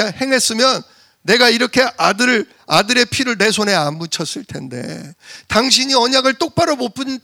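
A man doing a shrill scolding wife. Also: sharp tone, exaggerated voice. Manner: scolding, pleading. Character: exasperated wife scolding her husband.

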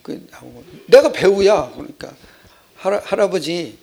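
An older man delivers a sermon with a rough, gravelly, somewhat husky voice. His pitch rises and falls a great deal and sits a little high for a man. He rambles conversationally, shifting from loud exclamations to hushed, whispered asides. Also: animated, unhurried. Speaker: preacher.

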